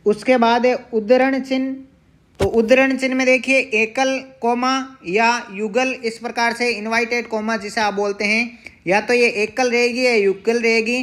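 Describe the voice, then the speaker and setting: A woman teaching an online exam-prep lesson, explaining step by step and repeating questions back to her students. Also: on the high side.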